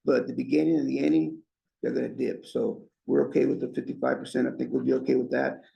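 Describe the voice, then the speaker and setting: A man's voice: medium pitch, level tone, quick pace, creaky, mellow, poor audio. A man with slightly impeded speech from a swollen lip gives an informal, folksy update at a meeting as a staff presenter. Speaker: irrigation district staff presenter.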